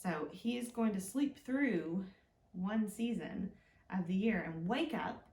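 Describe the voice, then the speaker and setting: In an echoey room with a far-off mic, a woman leads a children's read-aloud, explaining in a sing-song lilt and posing simple, encouraging questions. She speaks slowly at medium pitch, with lively intonation and a darkish tone.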